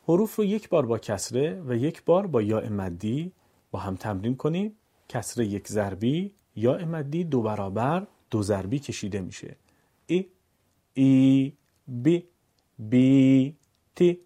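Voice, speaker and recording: Male Quran teacher, warm low-bright tone, patient lesson delivery, stretches syllables in drills. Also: slightly rough. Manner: stretches example syllables slowly and chants them. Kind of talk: recorded lesson, calm explaining with drawn-out drills.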